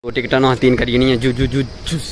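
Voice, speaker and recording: A man's voice: medium pitch, little pitch movement, brisk. A young man vlogging casually, chatting and joking with friends while out on the street and at a stadium. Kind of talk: casual vlog chat. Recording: outdoor crowd and traffic noise.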